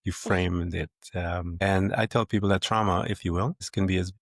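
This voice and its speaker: A middle-aged man hosting an interview podcast, asking questions in a measured, reflective and slightly formal way. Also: sits low, fairly even intonation, gravelly, no room sound, clean studio sound. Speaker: podcast host. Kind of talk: interview conversation.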